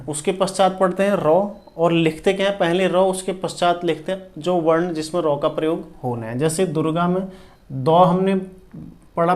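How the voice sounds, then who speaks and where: A man teaching shorthand in a lesson, repeating each word slowly and checking in with his students often. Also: fairly high pitch. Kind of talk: classroom lesson.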